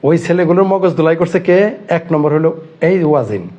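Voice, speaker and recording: A man's voice: a little high, moderate pace, dark tone, lo-fi sound. A man from Bangladesh giving a heated commentary monologue, indignant, firing rhetorical questions and repeating phrases. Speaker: online commentator.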